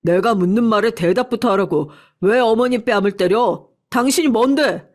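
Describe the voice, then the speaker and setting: A woman's voice: a little high, normal speed, lightly acted. Woman doing an angry young husband, demanding answers, snapping questions, story reading.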